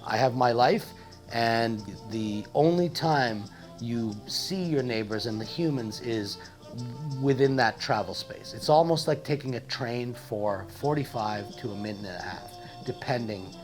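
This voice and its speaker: A man's voice: medium pitch, lively intonation, normal speed, darkish tone, faint music behind. A young man telling a comic story in a playful, mock-dramatic way. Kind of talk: comedic storytelling monologue.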